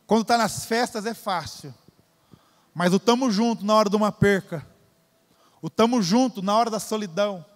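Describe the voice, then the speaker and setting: A man's voice: high voice, moderate pace, long reverb tail. A Brazilian man preaching a sermon, emphatic and repetitive, calling the congregation "dear". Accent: Brazilian Portuguese. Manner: emphatic, repeats phrases, addresses crowd as "querido". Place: church.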